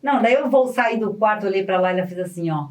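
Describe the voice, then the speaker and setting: A middle-aged woman with a Brazilian Portuguese accent, a clown and actress guesting on a radio show, telling stories in a lively way and acting out the dialogue with big pitch swings. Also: quick pace. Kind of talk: lively anecdotal storytelling on a radio talk show. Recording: distant mic in a radio studio.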